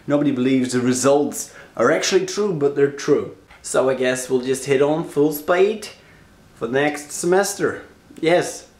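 Young man, Dutch accent, excitable vlogger, very lively delivery, echoey home room. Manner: rambling, excitable, with sudden high yelps. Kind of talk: casual daily vlog. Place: indoors in his room.

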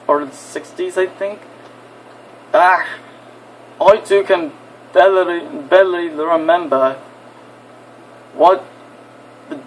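A man playing an old steam engine that looks back on the past, slow and hesitant, pausing to find each word. The voice is a little high for a man. A faint hiss runs underneath. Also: low-quality recording. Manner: hesitant, groping for words.

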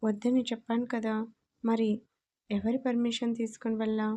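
A woman voicing a stern, quick-tempered young husband who scolds with demanding questions in a storybook reading. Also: fairly high pitch, little pitch movement, warm tone, close to an everyday voice. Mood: angry.

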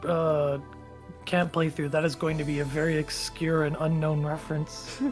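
A gamer co-hosting a video, telling stories in an animated, exasperated, joking way. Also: medium pitch, normal speed, soft background music. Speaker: co-host reading game dialogue aloud. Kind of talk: casual chat while playing a game.

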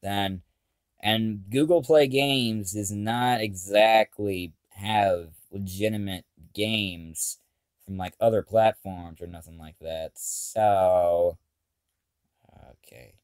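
Male gamer, casual play-along commentary, unhurried, smooth clear voice. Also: lowish voice, no room sound, studio quality. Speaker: gamer recording gameplay.

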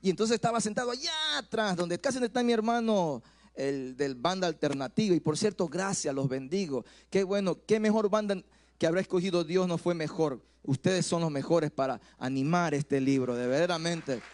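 Holding a handheld mic on an indoor church stage, a middle-aged man with an Ecuadorian Spanish accent preaches as a pastor. He speaks in a high voice at normal speed, sharing personal stories, acting out dialogue and repeating phrases.

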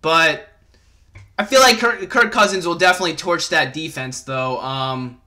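A man's voice: on the high side, moderate pace, sharp tone. A young man hosting a casual sports podcast, ranting in a fired-up, rambling way with plenty of swearing. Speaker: podcast host.

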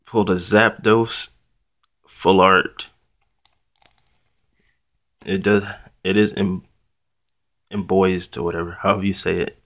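A young man talking casually and haltingly, in a laid-back way, as the host of an unboxing vlog. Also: low-pitched, steady tone. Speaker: trading card channel host.

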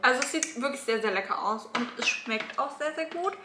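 A woman's voice: sits high, expressive, fairly quick, very noisy. A woman, hosting a casual YouTube chat at the table. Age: 20s. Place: small room at a dining table. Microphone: camera a few feet away. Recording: echoey room, camera at a distance.

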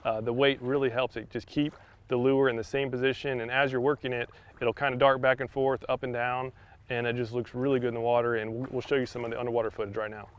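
A young man giving a casual fishing tutorial outdoors on a beach, talking in a relaxed way with many fillers and repeated words. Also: mid-range voice, quick pace, clean tone. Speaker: fishing instructor. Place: sandy shoreline outdoors by open water.

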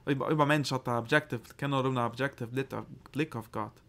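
A man giving a study lesson on mystical texts as a Torah teacher, talking in a halting, searching way and often repeating phrases. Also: medium pitch, fairly even intonation, fairly bright tone.

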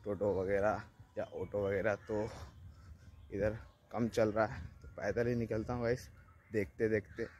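A man's voice: lowish voice, flat delivery, unhurried, long pauses. A young man with a Bihari Hindi accent, chatting casually as he walks to a gun factory for his vlog and saying "guys" in nearly every line. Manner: chatty, says "guys" constantly; drops to a hushed voice near guards. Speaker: travel vlogger. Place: outdoors on roads and near a factory gate. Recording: noisy outdoor phone recording.

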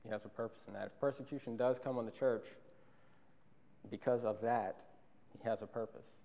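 A man's voice: medium pitch, steady tone, moderate pace, creaky, mellow. A young man preaching a sermon from a church pulpit into a stand microphone, earnest and repeating key phrases for emphasis. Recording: long church hall reverb.

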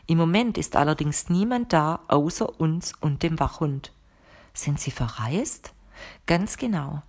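A composed, mysterious woman with a low voice, read by a woman narrator, who talks to her guest in a calm, matter-of-fact and firm way. The tone stays measured and sure throughout, as in an audiobook scene. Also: heavily acted. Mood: explaining calmly. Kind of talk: audiobook character reading.

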